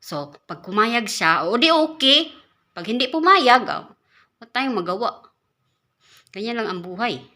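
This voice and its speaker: Bright-voiced woman vlogger chatting. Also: fairly high pitch, very animated, a little slow, pauses often. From Philippines. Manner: chatty, repeats and restarts words, laughs often. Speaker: caretaker vlogger. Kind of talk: casual vlog talk.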